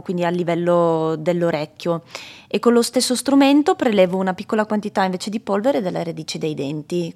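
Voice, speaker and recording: A woman's voice: fairly low pitch, a little mellow. Young woman explaining her research carefully. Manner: careful, technical, with hesitation fillers. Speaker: guest, doctoral researcher. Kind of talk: explanatory interview answers.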